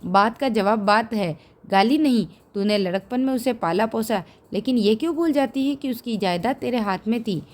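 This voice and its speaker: A woman's voice: fairly high pitch, moderate pace, few pauses, lightly acted. Woman reading a lecturing village accountant. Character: village land accountant, middle-aged man, lecturing.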